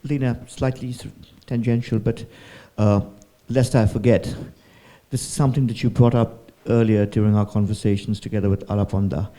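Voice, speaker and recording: A man's voice: on the low side, fairly even intonation, moderate pace, dark tone. A man moderating a festival panel, asking rambling, hesitant questions.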